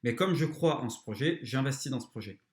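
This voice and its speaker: A man's voice: mid-range voice, animated, fairly quick. Blunt man coaching in a roomy space. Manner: blunt, crude, talks straight to the listener. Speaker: podcast host. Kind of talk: motivational self-help talk.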